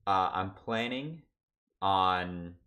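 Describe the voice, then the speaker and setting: A man's voice: low voice, expressive, extremely slow, pushed and bright, clear, resonant tone. A young man chatting casually on his livestream from home, rambling loosely with lots of fillers and restarts. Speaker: streamer.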